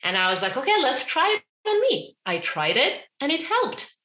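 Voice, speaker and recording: A woman's voice: high-pitched, wildly swooping pitch, moderate pace, bright, forceful tone, echoey room. A woman in her thirties from Ukraine, a hypnotherapist and interview guest who talks in a chatty way, with fillers like "you know". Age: 30s. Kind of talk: casual interview.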